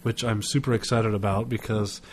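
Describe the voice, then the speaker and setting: A man hosting a webinar while sick, his voice stuffed-up and nasal, talking in a halting way with many restarts. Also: fairly low pitch, steady tone, slight background noise. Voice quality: congested, nasal. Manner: halting, repeats words while searching for them. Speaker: webinar host. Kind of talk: casual webinar introduction.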